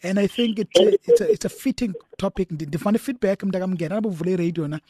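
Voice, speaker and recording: A South African man with a Xhosa accent hosts a religious radio talk show in a conversational way. His voice sits high and he talks rapidly, in a dry studio sound, moving between two languages as he goes. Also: big pitch swings, warm tone, no echo. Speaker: radio host.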